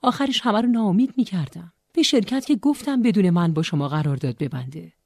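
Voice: medium pitch, sing-song, no room sound, clean studio sound. A narrator voicing a weary, defensive young woman, a former singer, in an audiobook. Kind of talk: audiobook character voice.

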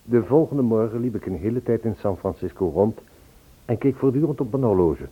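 An actor plays an earnest, lovesick man searching for a woman in an old Dutch radio play, combining acting with wistful first-person narration. His fairly low voice is animated, a little fast and breathy-edged. The old radio recording sounds tinny and phone-like.

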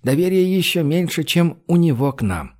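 A man's voice: fairly high pitch, very animated, normal speed, darkish tone, pitched above the performer's own voice. A man voicing a kindly, pious merchant. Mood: earnest.

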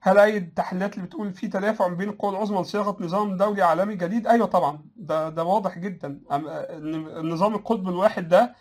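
A man's voice: high-pitched, very fast. A man with an Egyptian Arabic accent gives casual political commentary, answering viewers with sarcasm, laughing at his own points and restarting his phrases often.

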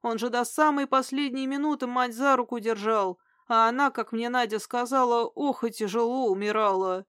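Blunt gruff old village guy, outspoken, kinda high voice, dry close sound, woman reading him. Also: a bit bright, no room sound, close to an everyday voice. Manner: emphatic, outspoken, quick to flare up.

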